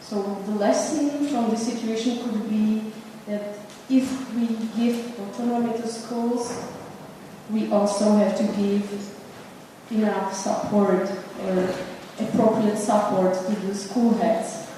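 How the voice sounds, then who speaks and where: A woman from the Republic, speaking at a conference in a measured, slightly halting way. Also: mid-range voice, steady tone, noisy background. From Czech Republic. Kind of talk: panel statement. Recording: echoey hall from far off.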